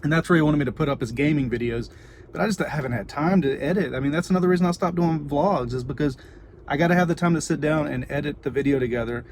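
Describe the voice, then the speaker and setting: A middle-aged man with a Texan accent, a vlogger and parent, rambles informally to viewers on a livestream from inside a car. His voice is on the high side and a little mellow, and he talks quickly. The car is noisy, with ambient background noise.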